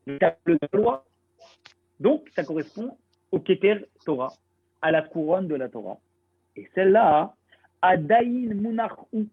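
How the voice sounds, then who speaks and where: A man's voice: high voice, slightly rough. A man giving a Talmud lesson, asking rhetorical questions and reading and translating Hebrew terms as he explains. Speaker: Talmud teacher. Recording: tinny phone-like line.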